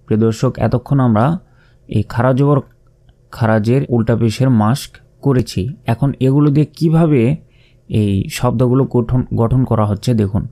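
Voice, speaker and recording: Mellow-voiced man teaching Quran reading. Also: medium pitch, normal speed. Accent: Bangladeshi Bengali. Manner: explains patiently, repeats letters and sounds aloud. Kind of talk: step-by-step recitation lesson.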